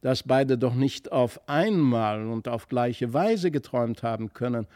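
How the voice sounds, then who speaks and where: A man's voice: mid-range voice, animated, measured pace, a little mellow, dry recording, studio quality, lightly acted. A man playing a puzzled, musing nobleman father.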